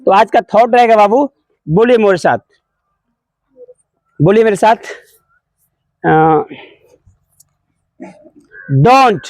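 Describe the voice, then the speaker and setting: At a morning school prayer assembly, a man with a high, darkish voice teaches at a moderate pace with long pauses, captured in a dry recording. He leads call-and-response, repeats key words, asks and answers his own questions, and mixes English phrases into explanations while calling pupils "babu."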